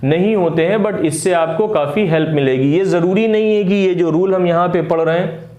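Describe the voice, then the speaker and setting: Guy teaching phonics, kinda high voice, lots of uh pauses, echoey room. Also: a little mellow, muffled recording. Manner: patient, with frequent "uh" fillers. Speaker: English phonics tutor. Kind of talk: explaining lesson.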